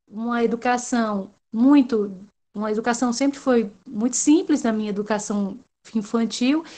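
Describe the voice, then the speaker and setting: Woman, higher voice, rambling and hesitant, speaking in an online class over a video call. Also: darkish tone. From Salvador, Brazil. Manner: rambling, hesitant, many fillers. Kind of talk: casual discussion in an online class.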